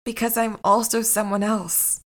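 An actress playing a patient, earnest young superhero bride in an audio drama. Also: female voice, mid-range voice, flat delivery, a little slow, lightly acted.

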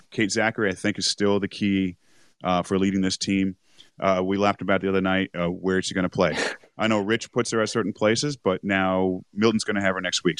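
Low-voiced guy rambling about rugby on a podcast, bit hoarse, dry close sound. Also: no room sound. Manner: rambling, self-correcting, chuckles often. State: losing his voice. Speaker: podcast co-host. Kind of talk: casual rugby chat.

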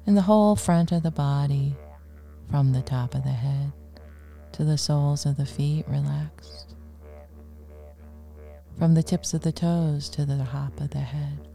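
A woman guides a relaxation meditation in a soft, breathy near-whisper. Her voice is low and very mellow, and she moves slowly through short, soothing phrases with gentle pauses.

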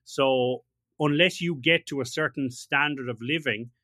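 A man's voice: mid-range voice, a little slow, bright, forceful tone, no room sound, studio quality. A man hosting a casual interview, thinking aloud and ending points with tag questions. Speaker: podcast host.

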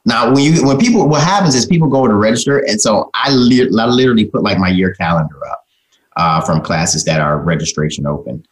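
A man with a fairly low voice and lively intonation speaks a little fast as an interview guest, a communication trainer and author. His casual, folksy talk is peppered with "man" and "you know."

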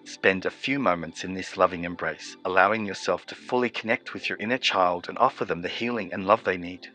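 A man guiding a meditation, giving slow, soothing, evenly paced instructions. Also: low voice, pushed and bright, soft background music. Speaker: meditation guide. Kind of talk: guided meditation.

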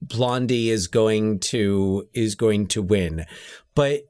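A man's voice: on the low side, slow pace, a little mellow, clean tone, dry recording. A man co-hosting a podcast, talking casually and eagerly about a film, with joking asides and many restarts. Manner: enthusiastic, joking, hesitant restarts. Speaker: podcast co-host.

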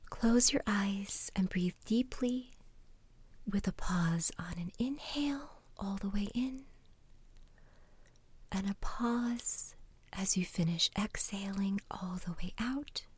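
A woman guiding a relaxation exercise in a soft, soothing ASMR whisper, breathy and gentle, close to the microphone. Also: medium pitch. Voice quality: breathy, unvoiced. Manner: slow, unhurried instructing with pauses.

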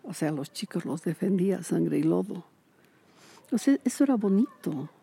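Lively older woman telling stories. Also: on the low side, normal speed, creaky, husky, no room sound. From Bolivia. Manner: lively storyteller, acts out quoted voices, laughs often. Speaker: retired teacher, guest. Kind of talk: casual interview chat.

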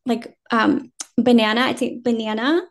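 Her voice sits a little high and moves at normal speed. She's a guest actor in her thirties from New Jersey whose first language was Vietnamese, though her accent is now American, and she chats loosely in an interview. She rambles in a relaxed way, says "um" and "like" a lot, and laughs readily.

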